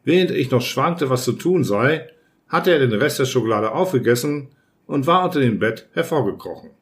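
Man, audiobook narrator, first-person storytelling, lively acted shouts, middle pitch. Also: normal speed.

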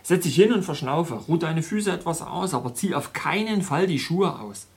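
A man's voice: on the high side, animated, moderate pace, darkish tone. A man doing a firm, practical travel companion. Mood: calm advice.

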